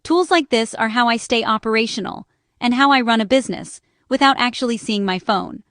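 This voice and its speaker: A woman with a slightly high, fairly bright voice reads a scripted explainer at a brisk clip, using short instructional phrases. She is a narrator and small business owner explaining accessibility. The studio recording is clean, with no echo.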